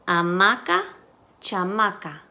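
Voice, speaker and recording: Woman, teacher, phonics lesson, sounds out each letter, very slow pace. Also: medium pitch, very animated, vocal fry, pushed and bright.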